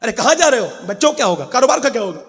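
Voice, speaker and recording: Male preacher, high and gravelly, in a reverberant hall with a live crowd; moves from soft storytelling to shouted peaks and calls for responses. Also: sing-song. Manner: swings between hushed storytelling and high shouted climaxes. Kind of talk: emotional Urdu sermon. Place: large gathering hall.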